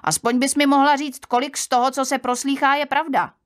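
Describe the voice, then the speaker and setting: A woman's voice: high voice, little pitch movement, voice pushed up, natural voice. A woman reading an audiobook, voicing a curious, gossiping young village woman who pries and exclaims. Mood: nosy, astonished. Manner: prying, exclaiming. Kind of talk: audiobook character voice.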